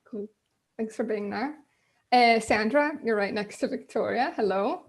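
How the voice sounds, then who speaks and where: A woman's voice: fairly high pitch, a little slow. A woman hosting a casual online panel on a video call, talking loosely and filling gaps with ums. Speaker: host.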